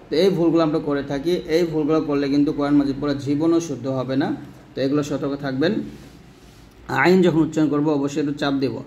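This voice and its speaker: A man with a Bangladeshi Bengali accent leads a recitation lesson in a slightly raised voice. He explains patiently, then slows down to stretch out and repeat each sound several times. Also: on the high side, a little mellow, a little hiss or hum. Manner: patient, repeats and drags out sounds to demonstrate them. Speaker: Quran reading teacher. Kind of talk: spoken lesson.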